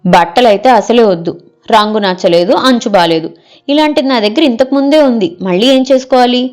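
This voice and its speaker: A woman's voice: fairly high pitch, a little fast, darkish tone, natural voice. A woman reading the part of a picky middle-aged wife in an audio story, scolding and rejecting every suggestion.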